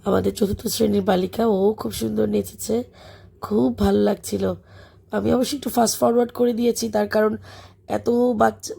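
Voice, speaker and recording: A Bangladeshi woman, a schoolteacher, talks through her vlog in a casual voice-over. Her voice is hoarse and broken down to a heavy gravel, and its tone is husky and dark. She rambles along with many fillers. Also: mid-range voice. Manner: chatty, warm about the children, frequent fillers. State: hoarse, voice gone from illness. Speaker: schoolteacher and vlogger. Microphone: voice-over recorded separately.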